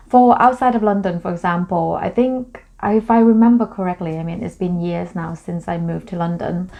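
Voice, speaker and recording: A woman's voice: on the low side, a little mellow. A young woman from Thailand, a native Thai speaker, chatting casually to camera in a vlog, explaining things in a friendly way with plenty of fillers. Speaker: vlogger.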